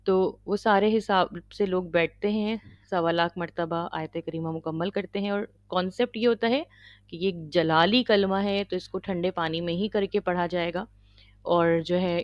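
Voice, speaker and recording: Woman lecturer, measured teaching tone, dull dry recording. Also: lowish voice, no room sound. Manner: measured teaching, checks listeners with "okay?". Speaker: Islamic lecturer. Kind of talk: religious lecture.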